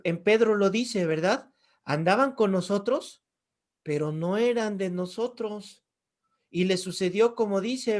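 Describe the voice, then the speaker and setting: A man's voice: high voice, a little mellow. Man teaching a Bible class. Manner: asks the class rhetorical questions and answers them. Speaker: theology teacher.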